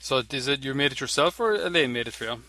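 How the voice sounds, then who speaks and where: A man's voice: medium pitch, expressive, fast, bright, forceful tone. A man making videos, chatting casually over a call and rambling with lots of "you know" and "like". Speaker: video maker.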